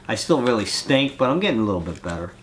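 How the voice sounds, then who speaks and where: A vlogger reading fan mail chats casually, rambling from thought to thought, very animated and quick-paced at a medium pitch. He has a cold, sounding congested and coughing now and then.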